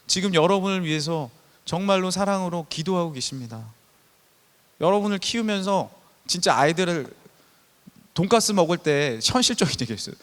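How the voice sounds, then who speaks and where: Emphatic male pastor in an echoing hall. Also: a little high. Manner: storytelling, swings from soft to loud and emphatic. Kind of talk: sermon. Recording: long church hall reverb.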